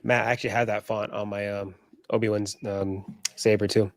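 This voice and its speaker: A low-voiced man with a gravelly edge talks hesitantly on a stream call. His audio is dry and close, with no room sound. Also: level tone, moderate pace, dry recording. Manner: hesitant, many fillers. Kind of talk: casual stream chat.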